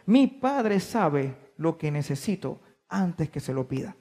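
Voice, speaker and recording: A man preaching a sermon to his congregation, stressing key words by drawing them out slowly and putting questions to his listeners. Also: a little high, very animated, mellow, long reverb tail. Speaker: pastor. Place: church.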